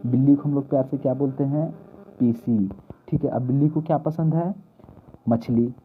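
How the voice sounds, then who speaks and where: A man's voice: mid-range voice, steady tone, normal speed, slight background noise. A man teaching exam mnemonics, repeating key words and asking questions he answers himself. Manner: repetitive, asks questions and answers them himself. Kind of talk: mnemonic lesson for exam prep. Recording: tinny phone-like lo-fi audio.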